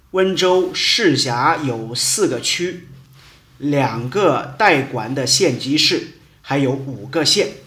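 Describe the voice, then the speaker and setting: A man teaching a memory lesson, chanting short mnemonic verses slowly and deliberately. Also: fairly high pitch, fairly bright tone. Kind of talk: educational lesson with mnemonic rhymes. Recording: echoey room.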